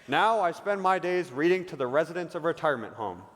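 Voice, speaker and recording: A man voicing a calm, boastful male talking dog in a joke, in a reverberant hall. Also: fairly high pitch, brisk. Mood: proud.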